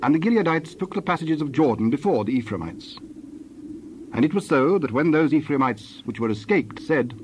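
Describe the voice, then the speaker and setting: A man's voice: on the high side, animated, normal speed. A man reading scripted Bible narration in a solemn, formal manner. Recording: dull lo-fi with faint noise.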